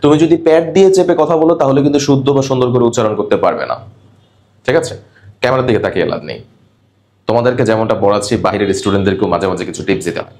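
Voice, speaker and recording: A male coaching instructor teaching a room of students at a quick, driving pace. He is emphatic, switches into English words now and then, and keeps correcting how words should be said. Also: medium pitch, expressive, a little mellow. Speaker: cabin crew coaching instructor. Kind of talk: classroom teaching. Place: classroom with students.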